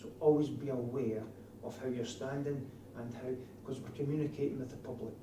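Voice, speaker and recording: A man's voice: medium pitch, steady tone, a little fast. A man with a broad Scottish accent teaching a class as a trainer, putting questions to his trainees. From Scotland. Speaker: trainer of door supervisors. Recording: distant mic, echoey room, faint noise.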